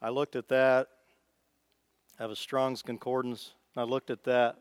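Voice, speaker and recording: A man's voice: mid-range voice, level tone, moderate pace, clean tone, no room sound. A man with a Midwestern accent giving an informal, folksy sermon, thinking aloud as he goes. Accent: Midwestern American. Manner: folksy, conversational, thinking aloud with small restarts. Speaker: preacher.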